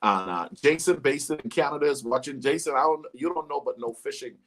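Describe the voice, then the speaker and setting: A man's voice: mid-range voice, a little fast. A man from the Bahamas hosting a livestream interview, telling stories with energy and speaking straight to his viewers. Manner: animated storyteller, talks to viewers. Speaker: host.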